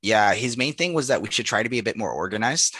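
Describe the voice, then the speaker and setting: Quick and animated, the young co-host speaks in a fairly low, sharp voice, recorded dry with clean studio sound. He rambles through jokey stories in casual podcast banter, full of fillers.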